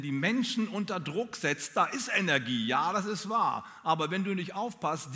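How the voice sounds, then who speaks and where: A man preaching a sermon, talking straight to his listeners in an animated way. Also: high-pitched, in a large hall. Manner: animated, addresses listeners directly. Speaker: pastor.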